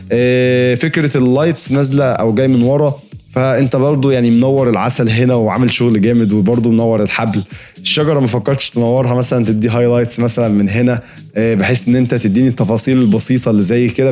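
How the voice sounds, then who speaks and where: A man's voice: mid-range voice, a little mellow. A young man with an Egyptian Arabic accent giving a casual, chatty design critique, full of fillers and friendly asides. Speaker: design reviewer host.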